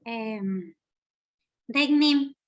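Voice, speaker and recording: Woman teacher, high bright voice, calling on pupils to read, muffled lo-fi sound. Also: very slow. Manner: gives polite instructions, praises students. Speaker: literature teacher. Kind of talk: classroom teaching.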